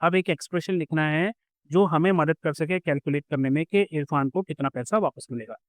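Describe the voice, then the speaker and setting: A man's voice: on the high side, brisk, no room sound. A man teaching a school math lesson, patiently explaining step by step with everyday examples.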